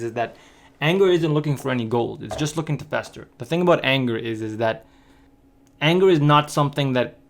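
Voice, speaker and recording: Calm, measured man giving commentary. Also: medium pitch. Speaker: commentary video host. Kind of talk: casual reaction commentary.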